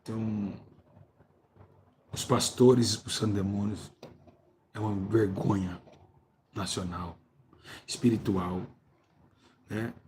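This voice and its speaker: A man's voice: on the low side, steady tone, takes it slowly, long pauses, slight background noise. A preacher, a man, talking to his viewers and calling out over a church video he plays. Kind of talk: religious teaching video. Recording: loud music behind voice.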